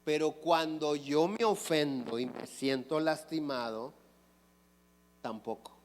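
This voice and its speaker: High-voiced, slow-preaching pastor. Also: male voice. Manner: asks the congregation questions and answers them himself. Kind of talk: sermon. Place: church sanctuary. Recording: long reverb of a church hall.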